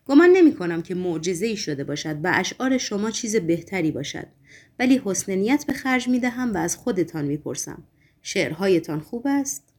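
A woman narrating an audiobook takes on the role of a gentle, anxious middle-aged male hospital patient, speaking in a hushed, fussy, reproachful way. Her medium-pitched delivery is very animated and fretful.

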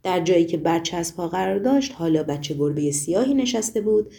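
Woman reading a story aloud, warm mellow voice, measured and even. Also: fairly low pitch, gravelly. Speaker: audiobook narrator. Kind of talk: storybook narration.

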